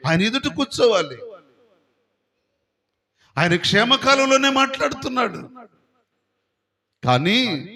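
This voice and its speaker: A man's voice: high-pitched, pushed and bright. A male pastor preaching a sermon, repeatedly putting questions to his congregation.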